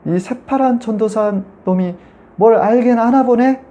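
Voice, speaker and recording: A man voicing a mocking demon that has possessed a woman, taunting in a high, sneering voice. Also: measured pace, dark tone, highs cut off.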